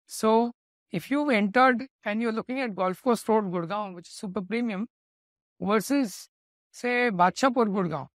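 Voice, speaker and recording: Speaking at a measured pace in a high-pitched voice, an Indian English-accented company executive answers business questions as an interview guest. He explains things thoroughly and sometimes corrects himself partway through a sentence. The recording is dry.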